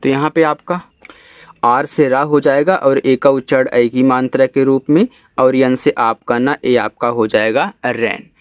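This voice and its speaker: A man from India teaching English reading, spelling each word letter by letter and then sounding it out slowly. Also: mid-range voice, steady tone, no room sound. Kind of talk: step-by-step spelling lesson.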